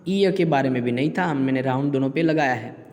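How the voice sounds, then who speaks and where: A man teaching a school lesson, slowly and deliberately reading out letters and repeating them for the pupils to follow. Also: mid-range voice, a little mellow, roomy sound, big-room sound.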